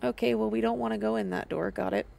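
A woman in her thirties giving casual horror game commentary to herself, muttering, exclaiming and swearing, with a creaky voice. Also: a little high, fairly even intonation, quick pace, heavy background noise. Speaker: game streamer. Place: small indoor streaming room.

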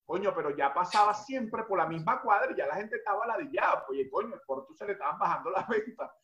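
Bright-voiced Venezuelan co-host telling jokes. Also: mid-range voice, lively intonation, quick pace, reverberant, highs cut off. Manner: bright, chatty, laughs often. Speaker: comedy show co-host. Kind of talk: casual joke-telling. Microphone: video call.

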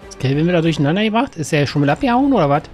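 A man giving casual gameplay commentary, chatting to game characters with sudden excited outbursts. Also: a little high, rapid-fire. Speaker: gaming let's-player. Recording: faint game music behind.

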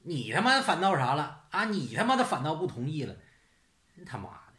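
Brief: blunt, sarcastic man, somewhat high, lively pitch, swearing casual rant, echoey room. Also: brisk. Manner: rhetorical questions, "是不是" tag. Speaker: channel host. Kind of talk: casual ranting monologue. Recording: roomy echo.

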